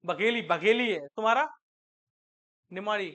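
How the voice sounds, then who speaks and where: High-voiced, bright male lecturer. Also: a little slow. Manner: asks students questions and answers them himself; mixes English terms into Hindi. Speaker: teacher. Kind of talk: classroom lecture.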